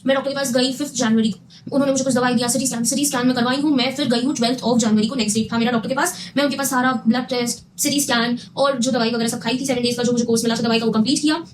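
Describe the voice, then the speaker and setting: A woman's voice: a little high, fairly even intonation, very fast, a little hiss or hum. A young woman casually telling her own health story to her viewers, emphatic and repeating phrases for stress. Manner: emphatic, repeats phrases, mixes Hindi with English.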